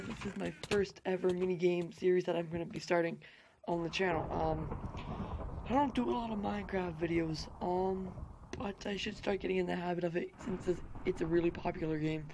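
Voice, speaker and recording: A young man who hosts a gaming channel has lost his voice and sounds hoarse and high-pitched. He rambles through casual gameplay commentary full of fillers and swearing, against a noisy background.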